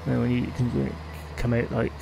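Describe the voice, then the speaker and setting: A man from England with a West Country accent chats casually while live-streaming a game, rambling and laughing a lot. His mid-range voice is sing-song and quick with vocal fry, and there's background noise.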